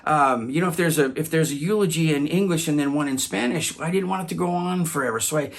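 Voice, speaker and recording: A man telling a personal story, halting often to repeat and restart his words. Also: fairly high pitch, vocal fry.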